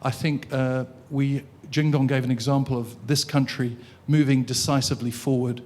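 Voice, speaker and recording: A man's voice: mid-range voice, little pitch movement, moderate pace, darkish tone. A man making a formal, filler-laden comment from the floor of a conference. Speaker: audience member commenting. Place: conference hall.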